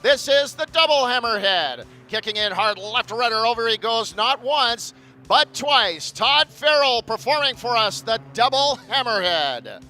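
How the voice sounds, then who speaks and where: A man's voice: extremely high pitch, expressive, unhurried, bright, forceful tone, soft background music. A man giving live airshow commentary in a showman's announcer manner, drawing out phrases for the crowd.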